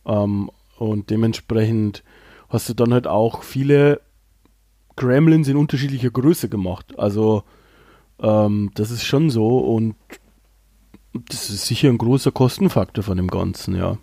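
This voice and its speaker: Mellow-voiced man on a casual podcast. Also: fairly low pitch, a little slow, no room sound, studio quality. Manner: rambling, many fillers and restarts. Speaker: podcast co-host. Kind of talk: casual podcast chat about a film.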